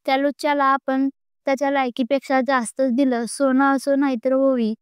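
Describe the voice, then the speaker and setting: Blunt, sarcastic man in a storybook romance, read by a woman, high and very clear, even delivery. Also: normal speed, no echo, clean studio sound, natural voice. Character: blunt outspoken man, the groom's friend.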